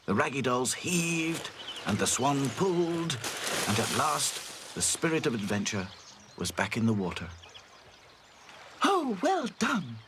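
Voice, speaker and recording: A man narrating a children's cartoon in a gentle, lilting storybook manner. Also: medium pitch, expressive, unhurried, background noise.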